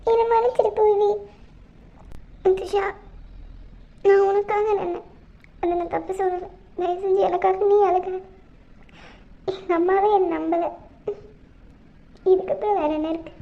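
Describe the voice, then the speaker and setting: A woman's voice: extremely high pitch, creaky. A woman voicing a heartbroken young woman who pleads through tears, in a hobby drama. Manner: tearful, pleading. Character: heartbroken young woman, tearful and guilt-ridden. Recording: muffled lo-fi recording.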